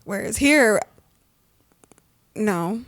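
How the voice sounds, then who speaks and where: A woman's voice: medium pitch, lively intonation, extremely slow, a bit bright, dry recording. A young woman co-hosting a casual faith-based chat, talking in a casual, upbeat, chatty way. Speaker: co-host.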